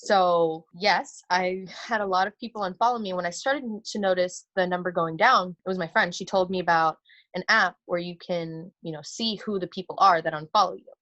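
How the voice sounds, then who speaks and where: A woman in her early twenties from the United States, a guest on a talk show, speaking passionately and deliberately. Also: lowish voice, a bit bright. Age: 20s. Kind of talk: earnest interview talk.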